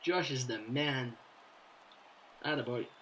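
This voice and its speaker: A man with a Quebec French accent doing casual commentary over a baseball video game he is playing, excitable, swinging between low muttering and loud cheering, cursing often and dropping English phrases. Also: takes it slowly, very noisy. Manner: curses often.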